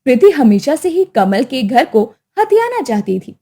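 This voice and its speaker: A woman narrating a scripted moral story in an even storytelling way. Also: high voice, normal speed.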